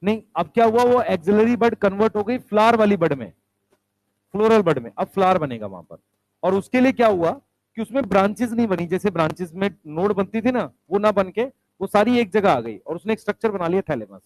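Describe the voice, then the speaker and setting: A man's voice: high voice, expressive, brisk, no echo, poor audio. A male teacher giving a classroom lecture, explaining step by step, asking the students questions and calling them beta and bhai.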